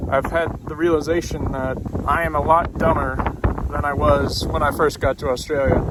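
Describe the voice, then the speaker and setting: A young man on a backpacking trip, narrating a casual vlog from a cattle station in a laid-back, dry, self-mocking way. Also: a little high. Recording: loud wind noise outdoors. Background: strong wind.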